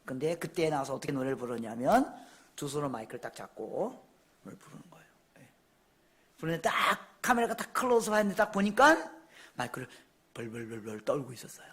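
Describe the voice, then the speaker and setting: A man preaching a Sunday sermon in a church, telling stories and swinging from hushed asides to loud, emphatic passages. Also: mid-range voice, husky. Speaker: missionary preacher. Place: church sanctuary.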